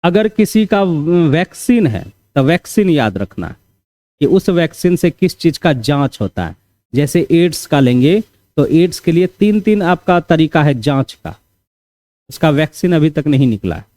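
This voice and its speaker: A man's voice: a little high, big pitch swings, moderate pace, warm tone, no echo. A man teaching a class for exam preparation, talking casually and repeating key points with frequent check-ins to his students. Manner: repetitive, conversational teaching with frequent "theek hai" check-ins.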